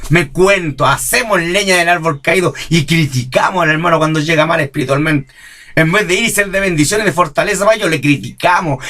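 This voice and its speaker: A man's voice: high-pitched, sharp tone. A man preaching a sermon, who keeps asking his congregation "¿cierto?" and acts out church members. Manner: impassioned, rhetorical "¿cierto?" questions, mimics church members.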